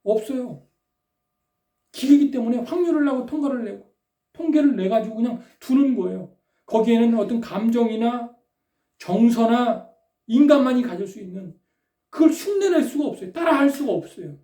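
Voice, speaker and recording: A woman's voice: fairly high pitch, lively intonation, normal speed, long pauses, mellow. Woman preaching a sermon in a roomy church. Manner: rhetorical, prodding listeners with tag questions. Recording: roomy echo, distant from the mic.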